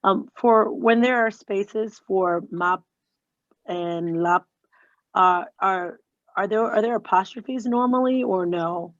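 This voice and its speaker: A woman's voice: mid-range voice, slow, muffled recording. A woman taking part in an online lesson, asking a question in a hesitant, tentative way over a video call.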